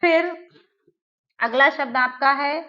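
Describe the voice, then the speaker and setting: A woman teaching an exam-prep spelling lesson, who asks her class questions and then answers them herself, repeating each word slowly. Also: high-pitched, bright, forceful tone, lo-fi sound. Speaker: Hindi teacher.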